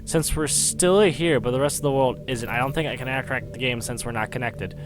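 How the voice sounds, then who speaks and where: A man's voice: mid-range voice, a little fast, noisy background. Man reading a fan story, tripping over words. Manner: stumbling, laughing at own slips, swearing asides. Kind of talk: reading fan fiction aloud.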